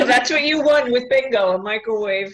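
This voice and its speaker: A woman's voice: fairly high pitch, normal speed, a little hiss or hum. A woman chatting casually as a party guest, chiming in with brief remarks over a video call. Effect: heard over a video call. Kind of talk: casual chat. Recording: muffled video call audio.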